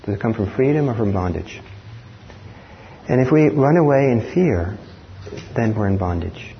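A man from Norway giving a dharma talk as a meditation teacher, speaking in a reflective, measured way. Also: lowish voice, expressive, gravelly. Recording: dull lo-fi talk recording with faint hiss.

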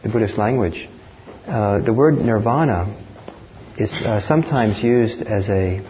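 A man from Norway gives a dharma talk in a reflective, measured way, his voice sitting fairly low. The recording is dull and lo-fi, with a faint hiss underneath. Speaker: meditation teacher.

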